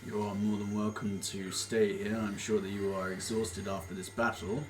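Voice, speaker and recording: Man playing a low, haughty, menacing hoard guardian. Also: flat delivery, moderate pace, soft background music, lightly acted. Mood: courteous, dismissive. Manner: formal, condescending, curt.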